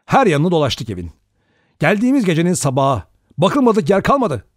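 A man reading an audiobook aloud, voicing a blunt, sardonic young man who speaks a little above his own natural pitch. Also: normal speed, no echo, clean studio sound. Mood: wry. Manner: teasing, then grave and steady.

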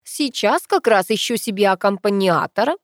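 A woman's voice: medium pitch, expressive, no room sound, studio quality, natural voice. A woman voicing a strict, proud grandmother in an audiobook. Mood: stern. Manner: stern, measured.

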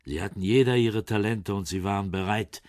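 For a radio crime drama, an actor voices a heavyset older ex-East German intelligence officer who is defensive and sardonic, wavering between pride and evasion. The male voice is fairly low and darkish, lightly acted, scornful and proud, in a clean studio recording with no room sound.

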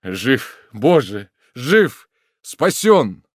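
A man's voice: fairly low pitch, measured pace, a bit bright, dry recording, studio quality. A man voicing a grown son, an emotional marshal, crying out and pleading. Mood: anxious, overjoyed. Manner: exclaiming, pleading.

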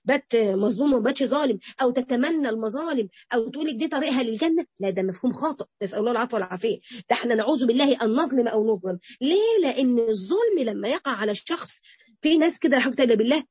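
A woman with an Egyptian Arabic accent giving a religious lesson to women, animated and acting out quoted speech. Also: a little high, breathy edge, no echo, lo-fi sound. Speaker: religious teacher. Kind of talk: Quran interpretation lesson to women.

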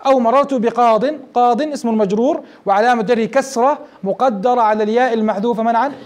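A man's voice: very high voice, fast, darkish tone. A man, a sheikh, teaching a grammar lesson to a class, explaining step by step and asking his students questions.

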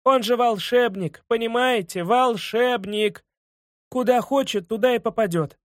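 Cackly old villain wizard, a guy doing the voice, loud and high, hams it up, dry close sound. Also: normal speed, no echo. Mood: laughing. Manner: cackling, theatrical, loud and mocking. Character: gleeful trickster sorcerer Koshchei, old male villain. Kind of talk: audiobook character voice.

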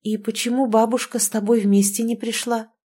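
A woman voicing an anxious, loving young granddaughter who speaks emotionally with a rising pitch. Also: little pitch movement, fairly quick, mellow, natural voice.

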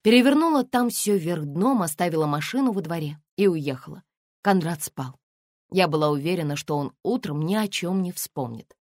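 A weary, frightened young woman, played by a woman narrator in an audiobook, muttering grimly and tensely. The voice sits low and close, dry with no room echo. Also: animated, moderate pace, darkish tone.

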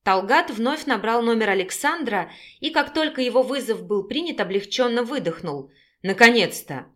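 A woman narrating an audiobook in a steady, even storytelling voice. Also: a little high, normal speed. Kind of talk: scripted narration.

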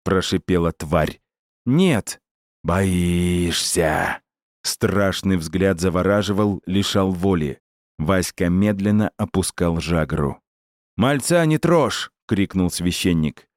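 A man reading a story aloud in a measured, even audiobook narration. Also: low-pitched, dry recording, studio quality.

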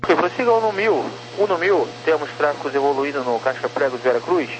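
A man working as an air traffic controller, giving terse clearances and number readbacks in clipped radio phraseology over a two-way radio transmission. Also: a little high, brisk. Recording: noisy radio channel with hiss.

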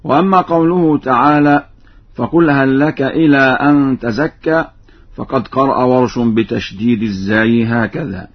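A middle-aged man giving a formal recitation lesson, explaining in a measured voice and chanting each example slowly and melodically. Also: mid-range voice, breathy edge. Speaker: Quran recitation scholar. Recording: dull archival radio broadcast.

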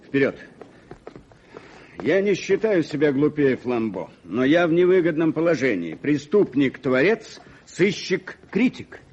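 A man playing a shrewd, self-assured police detective in an old radio play, with brisk, clipped delivery. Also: a little high, sing-song, a little mellow, a little hiss or hum. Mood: brisk, commanding. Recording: dull, band-limited old radio recording.

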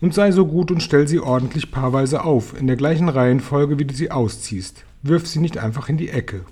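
A man's voice: fairly high pitch, normal speed, husky. A man reading a storybook, voicing a bossy, short-tempered male centipede who snaps orders. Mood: grumpy, bossy. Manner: snappish, shouting orders.

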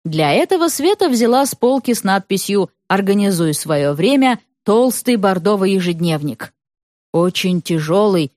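A woman narrating a storybook in an expressive reading style. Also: medium pitch, no echo, clean studio sound.

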